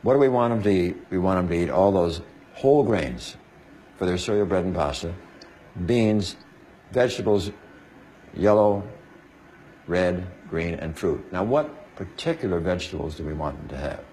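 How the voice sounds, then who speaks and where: A man's voice: deep voice, animated, moderate pace, dark tone, slight background noise. A male doctor answering interview questions emphatically, listing items one after another.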